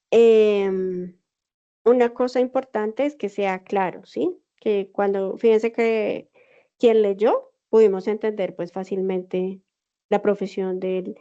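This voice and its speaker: A female teacher from Colombia with a Bogotá Spanish accent walks students through an assignment step by step in an online class, patiently making sure they're following. Her mid-range voice is mellow. The video call audio is dull and lo-fi.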